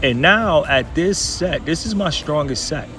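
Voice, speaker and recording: A man's voice: on the high side, lively intonation, measured pace, background noise. A man talking through his workout in a vlog, motivational and emphatic, repeating his points. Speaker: fitness vlogger.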